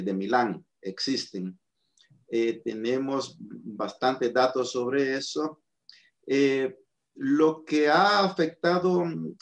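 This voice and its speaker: A man's voice: mid-range voice, vocal fry. A man from El Salvador, a guest in a casual panel chat over a video call, explaining at length and addressing the audience directly. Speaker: guest commentator.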